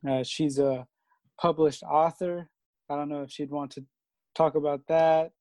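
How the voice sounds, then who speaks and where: A man hosting a casual chat, halting and filled with "uh" and "you know". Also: fairly high pitch, steady tone, a little mellow, no room sound, poor audio. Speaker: host.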